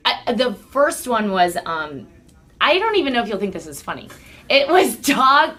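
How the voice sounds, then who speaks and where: A woman's voice: on the high side, sing-song, moderate pace, bright, forceful tone. A woman guest on a podcast, talking in a chatty, self-interrupting way and laughing easily. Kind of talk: casual chat.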